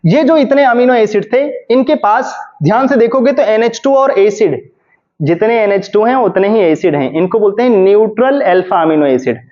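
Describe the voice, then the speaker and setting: A man with a fairly high voice leads an exam revision lecture in a Hindi-English mix. He moves step by step, often posing a question to the class and answering it himself. The recording sounds dull and lo-fi. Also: animated, moderate pace, darkish tone. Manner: explains step by step, often asks and answers his own questions. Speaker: chemistry teacher.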